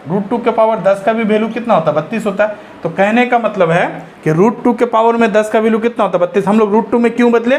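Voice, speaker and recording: Man, higher-pitched, teaching an exam-prep maths lesson. Faint background hiss. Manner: works through sums step by step, asks and answers himself.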